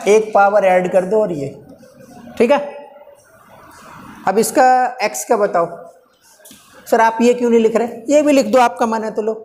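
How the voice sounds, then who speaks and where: A male physics teacher with a high-pitched, darkish voice lectures a live class in a reverberant classroom with faint background noise. He coaxes and teases his students while talking through each step aloud.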